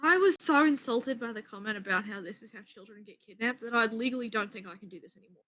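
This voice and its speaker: A woman's voice: on the high side, fast talker, sharp tone. A woman chatting casually as a player in a tabletop role-playing game, wry and informal. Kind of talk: casual improvised role-play chat.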